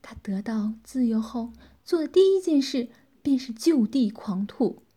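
A woman narrates a story in a hushed whisper. Her pace is slow, her voice is airy and breathy, and the tone is dark and mellow. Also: fairly high pitch, expressive.

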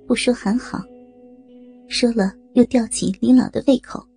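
A woman narrating a story in a steady, even storytelling voice. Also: on the high side, normal speed, husky, soft background music, rough recording. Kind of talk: audio erotic story narration.

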